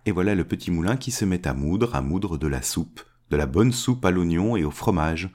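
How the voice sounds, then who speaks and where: With a darkish tone, a man narrates a fairy tale as a storyteller, varying his pitch to voice each character.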